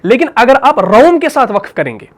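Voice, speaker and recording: A man with an Urdu accent teaching a tajweed lesson, explaining step by step, asking and answering his own questions, and slowing into drawn-out melodic recitation for each verse. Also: very high-pitched, very animated.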